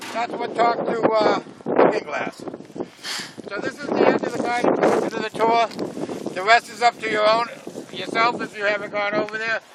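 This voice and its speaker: A man leads a guided tour of an underground missile silo, his high voice echoing through the space and heard from a distance amid background noise. His delivery is dramatic, slowing down for emphasis.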